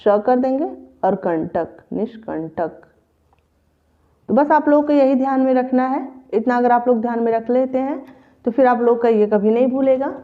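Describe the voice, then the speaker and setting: Her voice is high-pitched and her speed normal as she patiently works through a grammar lesson for exam preparation, repeating each example step by step. The sound is tinny, as if over a phone.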